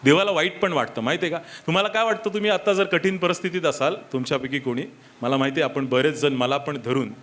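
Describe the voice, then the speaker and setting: Male pastor, sermon, high and bright voice, emphatic with rhetorical questions, slips into English for key lines. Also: quick pace. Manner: emphatic, with rhetorical questions and repeated reminders to the listeners; switches briefly into English for key points. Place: church service.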